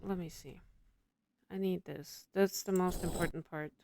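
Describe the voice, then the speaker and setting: A woman's voice: fairly low pitch, steady tone, unhurried, dark tone. A woman doing casual gameplay commentary, muttering to herself as she puzzles things out. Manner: muttering to self while puzzling. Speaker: gamer commentating on playthrough. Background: game music.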